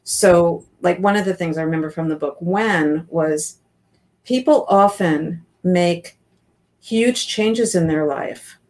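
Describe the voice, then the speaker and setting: Enthusiastic woman coach in her fifties, lower voice, talks freely with restarts. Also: takes it slowly, a little mellow. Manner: chatty and enthusiastic, with frequent restarts. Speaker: guest business coach. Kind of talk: casual interview chat.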